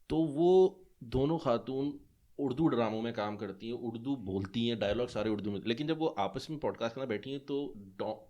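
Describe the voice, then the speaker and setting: A man's voice: medium pitch, a little mellow. A man from Pakistan co-hosting a podcast, voicing strong opinions in casual chat and searching aloud for names. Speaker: podcast co-host.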